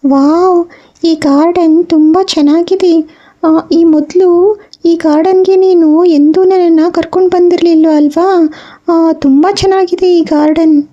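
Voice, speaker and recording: A woman's voice: very high voice, steady tone, unhurried, warm tone. A woman playing a cheerful young woman, the son's girlfriend, light and curious. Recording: slightly dull audio.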